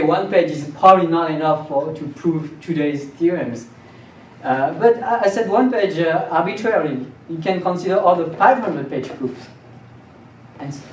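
A man's voice: a little high, a little mellow. A young man giving a math seminar lecture in a classroom, explaining step by step and often restarting and repeating his words. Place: lecture room with projector screen. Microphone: far camera, no mic. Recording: roomy, distant, dull camera audio with faint hiss.

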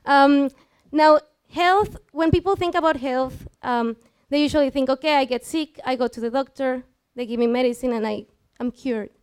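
Her voice sits high, smooth and darkish, at normal speed with hardly any pauses. This Mexican-accented woman in her twenties, a native Spanish speaker and student, presents a live explanatory science talk on a headset mic to a seated audience in a small lecture room, informally asking them questions.

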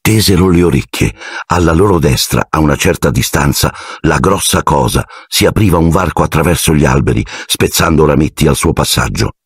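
Deep husky male audiobook narrator. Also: fairly quick, no room sound, clean studio sound. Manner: expressive storytelling, shifting into character voices. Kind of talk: scripted narration.

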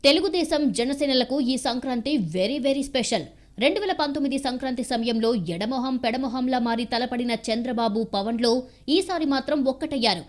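Brief: woman, TV news voice-over, brisk and dramatic. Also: sits high. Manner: punchy, dramatic delivery. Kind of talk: scripted news narration. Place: studio voice-over.

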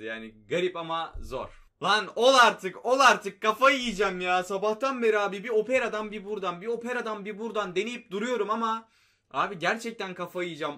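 A hoarse young man giving casual gameplay commentary, pleading with and grumbling at the game as he talks to his viewers. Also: sits high, sharp tone. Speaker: mobile game YouTuber.

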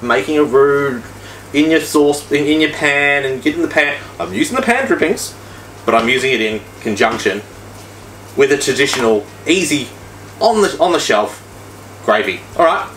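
A man's voice: fairly high pitch, fairly bright tone, reverberant, slight background noise, rough recording. A man talking through a cooking demonstration, with chatty, upbeat, step-by-step instructions. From Australia. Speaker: cooking vlogger.

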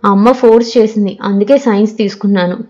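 A woman's voice: mid-range voice, fairly even intonation, fast, darkish tone, highs cut off, lightly acted. A woman voicing an anxious, unhappy teenage girl student who asks eager, worried questions.

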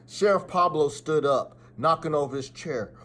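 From a small indoor office, a middle-aged school principal reads a children's story aloud into a phone or webcam at arm's length. His voice is a little high and fairly bright at a moderate pace, and he reads expressively with dramatic emphasis and an occasional stumble.

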